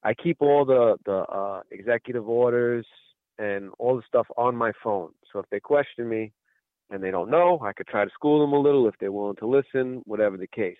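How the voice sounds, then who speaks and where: A male caller to a radio call-in show spins a long, rambling tale, voicing each person's lines himself. His mid-range voice runs a little fast over a dry, tinny phone line with no echo.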